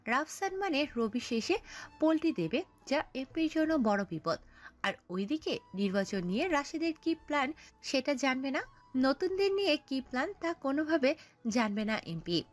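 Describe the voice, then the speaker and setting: A woman narrating a scripted audio story, telling it in an expressive storytelling manner. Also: high-pitched, normal speed.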